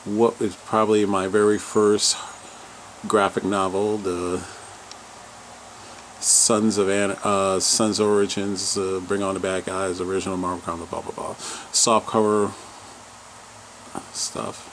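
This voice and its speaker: In a rough handheld-camera recording with a little hiss or hum, a man with a deep, slightly bright voice gives a casual tour of his basement collection at home. He speaks in a level, unhurried tone, pausing often as he rambles through the items one at a time, dropping fillers along the way.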